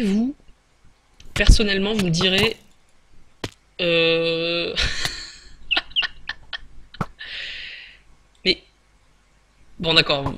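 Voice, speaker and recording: A man's voice: high-pitched, sharp tone, a little hiss or hum. A man giving casual, chatty gameplay commentary, hesitant with many fillers and restarts. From France. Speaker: gaming YouTuber.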